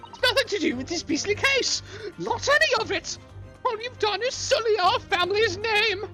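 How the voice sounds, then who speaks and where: A woman voicing a haughty, outraged upper-class lady villain in a game, with theatrical, scornful menace and drawn-out words. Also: very high-pitched, expressive, bright, forceful tone, soft background music, pitched above the performer's own voice, exaggerated voice. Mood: haughty outrage.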